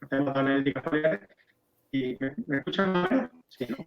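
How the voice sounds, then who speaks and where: A man's voice: on the high side, sing-song, fast talker, vocal fry, over music. A man on a video call whose audio keeps breaking up and cutting out, often checking whether the others can hear him. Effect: choppy, breaking-up video-call connection. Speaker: farmer guest. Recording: dull lo-fi video-call audio in an echoey room.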